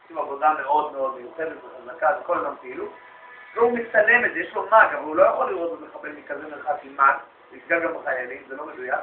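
Male lecturer, higher-pitched voice, spins anecdotes and plays out the dialogue, recorded lo-fi and phone-like. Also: roomy sound, soft background music. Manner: lively anecdotal storyteller, acts out quoted dialogue. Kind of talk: storytelling lecture to an audience.

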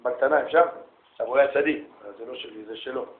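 A man giving a humorous talk to yeshiva students, animated and acting out exchanges in quick bursts. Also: medium pitch. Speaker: yeshiva lecturer. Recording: echoey room, tinny phone-like sound.

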